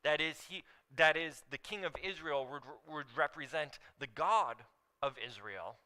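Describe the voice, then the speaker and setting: A man's voice: on the high side, expressive, unhurried, sharp tone, low-quality recording. A man preaching a sermon in a church, explaining scripture and leaning hard on key words. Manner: emphatic, stresses key words while teaching. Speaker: pastor. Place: church sanctuary.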